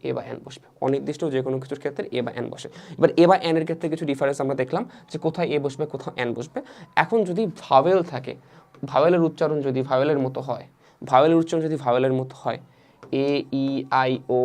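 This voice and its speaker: A man's voice: medium pitch, steady tone, a little mellow. A man teaching an English grammar lesson, repeating each rule and asking his students questions he then answers himself. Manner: fast, repetitive, asks the students questions and answers them himself. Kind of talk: online lesson explaining grammar.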